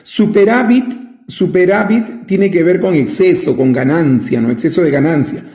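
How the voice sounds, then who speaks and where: Male teacher, slow and deliberate, gravelly, higher-pitched voice, echoey room. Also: mellow. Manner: slow, drawn-out, asks rhetorical questions. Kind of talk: recorded lesson.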